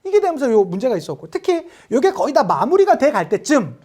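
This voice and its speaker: A woman's voice: high-pitched, fast, breathy edge. A woman from Daejeon giving an exam-prep history lecture, telling stories animatedly and acting out quotes. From Daejeon, South Korea. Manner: animated storytelling, acts out quotes.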